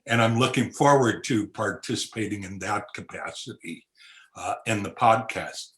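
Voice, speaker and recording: A man who co-hosts a podcast introduces himself in a measured, thoughtful way. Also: fairly low pitch, a bit bright. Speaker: podcast co-host. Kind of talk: self-introduction.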